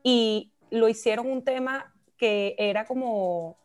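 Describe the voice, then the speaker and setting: A woman's voice: a little high, slow, faint music behind. A woman co-hosting a podcast, talking casually and laughing at her own slips. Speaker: podcast co-host. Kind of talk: casual chat.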